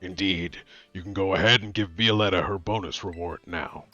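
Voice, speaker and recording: A secretive teenage girl boss talks through a disguised deep voice-changer voice, as a man puts her on. The voice sits very low and moves slowly and theatrically. The stream audio is slightly dull and dry, with faint music underneath. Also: fairly even intonation, bright, forceful tone, dry recording.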